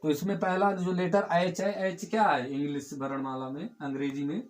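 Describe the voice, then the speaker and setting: High-voiced man teaching grammar. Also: level tone, normal speed. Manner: explains step by step, asks students questions and answers them himself; repeats key words for emphasis. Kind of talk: classroom grammar lesson.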